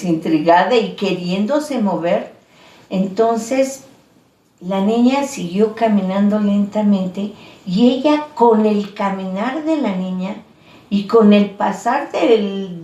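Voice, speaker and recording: Woman telling a horror story slowly. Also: mid-range voice, darkish tone. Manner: conversational, many fillers like "pues" and "¿no?". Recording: echoey room, voice a bit far from mic.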